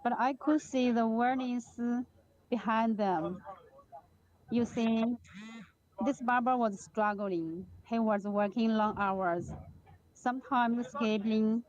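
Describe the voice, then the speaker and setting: A woman reading a prepared personal story in a halting, deliberate way on a call from a train. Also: a little high, no room sound. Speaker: community member sharing a story. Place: on a moving train. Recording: dull online call, noisy train background.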